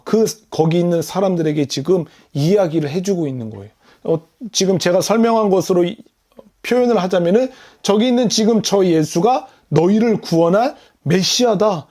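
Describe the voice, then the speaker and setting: A man's voice: high voice, darkish tone. A male pastor preaching a sermon, explaining scripture verse by verse and putting rhetorical questions to his listeners. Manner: leads the congregation in reading scripture aloud.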